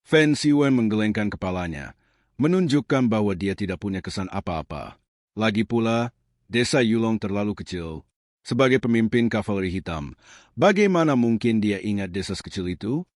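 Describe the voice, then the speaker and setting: A man reads out a comic story recap in a steady, even way, his voice sitting low. The recording is dry and close, with no room sound around him. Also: normal speed, no room sound. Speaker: narrator. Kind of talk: scripted story recap narration.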